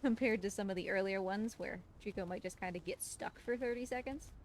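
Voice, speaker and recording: With a medium-pitched voice and a slightly quick pace, a female speedrunner narrates her game live for stream viewers. She's casual and talkative, explaining things and speaking to the game creature too, while the clearly noisy recording carries game sound behind her.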